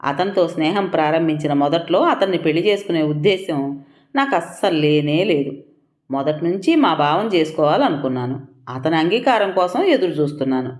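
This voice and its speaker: A sharp-tongued young woman chasing status, mocking and unapologetic, as a female storyteller puts her on. Her lines swing up and down, set in a roomy, echoing space for an audio storybook. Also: low-pitched. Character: young woman, ambitious, status-hungry, bluntly sarcastic.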